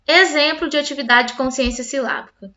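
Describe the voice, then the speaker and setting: High bright-voiced woman teacher. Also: fairly quick, lo-fi sound. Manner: patient, explains step by step with frequent "tá?" tag questions. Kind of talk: explanatory lesson.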